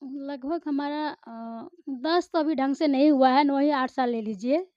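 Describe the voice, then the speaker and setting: A woman's voice: high-pitched, a little slow, dark tone, dry recording. Rambling woman actor in an interview. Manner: chatty, rambling, with many hesitations. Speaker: film actor. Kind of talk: interview answers. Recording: slightly muffled, dry recording.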